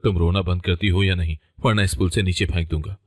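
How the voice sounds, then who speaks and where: A man's voice: sits low, steady tone, fast, darkish tone. A man voicing a harsh, angry young groom who scolds his new bride in a story. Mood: snarling. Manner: snarling, scolding.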